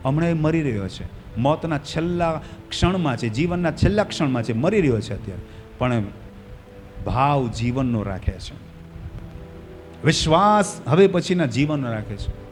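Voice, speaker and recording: A male pastor preaching a sermon in a church hall, his voice often swelling loud with fervor. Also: on the high side, expressive, moderate pace. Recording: long hall reverb, faint music behind.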